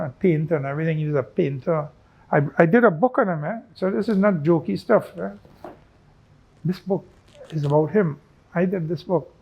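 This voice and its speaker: A man's voice: on the high side, gravelly, husky, dull audio. A man speaking reflectively in an interview, often adding little tag questions. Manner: musing, with frequent tag questions.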